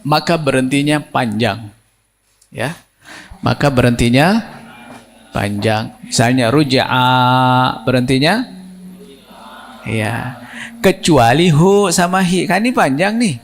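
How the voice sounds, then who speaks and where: A man's voice: medium pitch, slow pace, pauses often. A man teaching Quran recitation rules step by step to a class, often checking whether his listeners understand. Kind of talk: tajwid lesson for teachers.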